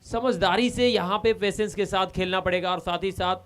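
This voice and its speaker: High, crisp male cricket co-commentator. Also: moderate pace, fairly bright tone. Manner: explanatory, conversational. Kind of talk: live cricket analysis. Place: commentary box at a cricket ground.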